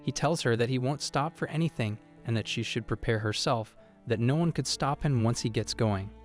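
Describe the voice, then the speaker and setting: A man narrating a manga recap in a steady, reported-speech storytelling manner. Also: mid-range voice, normal speed, faint music behind.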